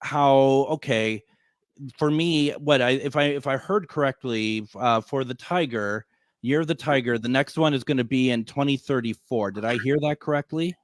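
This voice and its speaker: A man's voice: mid-range voice, normal speed, no echo, clean studio sound. A man in his fifties hosting a radio show, rambling and jokey, often restarting his sentences. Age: 50s. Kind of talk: casual interview chat.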